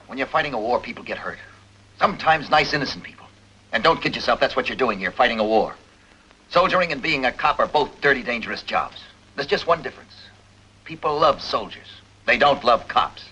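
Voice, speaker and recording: A tough police captain who talks fast and clipped, with a bright, husky edge. He presses hard and does not let up, and the old film sound is dull and lo-fi. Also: medium pitch, animated. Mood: weary, determined. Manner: clipped, forceful, hard-nosed interrogating. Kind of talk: 1950s film acting. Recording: dull lo-fi 1950s film audio.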